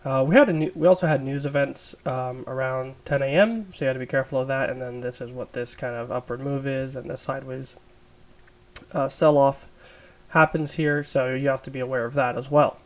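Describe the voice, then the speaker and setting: A man with a raspy, under-the-weather voice gives an informal, explanatory chart review as an instructor, thinking aloud as he goes. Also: mid-range voice. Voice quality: raspy, smoker's-rasp sound. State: sick, raspy voice. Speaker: trading instructor.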